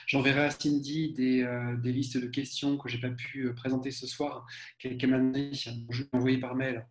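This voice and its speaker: A participant in a webinar speaking casually over a video call, relaxed and easygoing. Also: mid-range voice, moderate pace, reverberant. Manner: relaxed, laughs off a mix-up. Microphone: remote connection on a video call.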